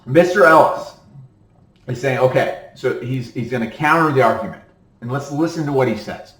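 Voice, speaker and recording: A man's voice: mid-range voice, expressive, moderate pace, a bit bright. Roomy-sounding man explaining law, "okay?". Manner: reads legal text then breaks off to explain, with frequent "okay?". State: voice tiring. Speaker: attorney teaching about self-directed retirement accounts. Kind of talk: casual explanatory lecture, reading a court ruling aloud.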